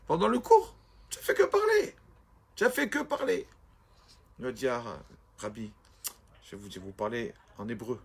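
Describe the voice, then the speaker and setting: A man's voice: on the high side, fairly bright tone, slightly rough. A man, a rabbi, giving a Torah class and telling stories, acting out the dialogue of the people in them.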